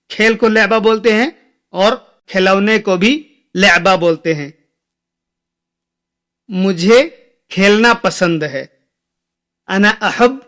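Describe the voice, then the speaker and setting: A young man with a high voice teaches phrases in a patient lesson. He says each phrase slowly and repeats it several times before he gives its meaning. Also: fairly bright tone. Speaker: Arabic teacher. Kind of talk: explaining Arabic phrases.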